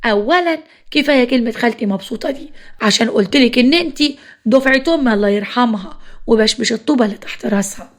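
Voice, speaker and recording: A woman's voice: a little high, fast talker. A woman with an Egyptian accent who tells listeners' stories and gives frank advice in a lecturing way. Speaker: storyteller and advice-giver. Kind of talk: storytelling and advice.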